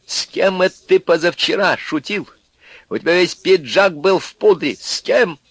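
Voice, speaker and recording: A man voicing a sharp-tongued, scornful middle-aged wife in an audiobook reading. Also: high voice, normal speed, breathy edge, no room sound, pitched above the performer's own voice, full character voice. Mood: accusing. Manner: scornful, mocking.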